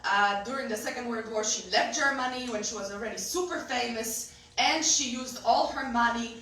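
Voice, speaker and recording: A woman's voice: fairly high pitch, moderate pace, sharp tone. A woman in her late twenties from Poland, speaking, telling her personal story candidly to a live group, with frequent fillers and laughter. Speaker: speaker at a benefit event. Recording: echoey room, voice from far off.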